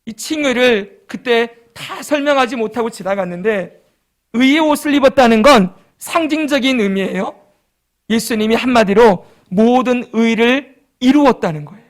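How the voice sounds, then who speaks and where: A man's voice: extremely high pitch, moderate pace. A male pastor preaching a sermon, asking the congregation questions and leading call-and-response.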